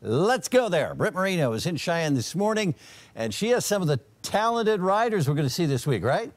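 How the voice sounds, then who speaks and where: Studio anchor, man, animated pitch, dry close sound, easygoing delivery. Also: normal speed, dry recording. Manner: friendly and easygoing. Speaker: news anchor. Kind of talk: morning TV news anchoring.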